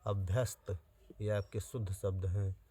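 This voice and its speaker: A man teaching an exam-prep spelling lesson, speaking straight to his students and slowly repeating each word to spell it out. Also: on the low side, flat delivery, mellow, husky. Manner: plain direct address to students.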